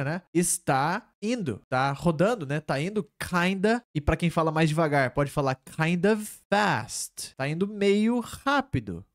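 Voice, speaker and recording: A man's voice: on the high side, no room sound, studio quality. A man teaching English, patiently explaining phrases from a clip and checking in with tag questions. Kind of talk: explaining a show clip line by line.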